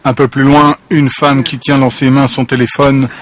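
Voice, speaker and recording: A man narrating a television news report in a measured, grave tone. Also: medium pitch, flat delivery, a crowd in the background.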